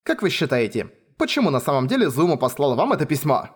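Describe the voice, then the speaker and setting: A cocky young sorceress snaps back in a raised, lively voice, as a male reader puts her on. She is curt and sarcastic, a storybook heroine sure of herself. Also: a little high, fast talker, husky. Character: cocky sharp-tongued young sorceress, female.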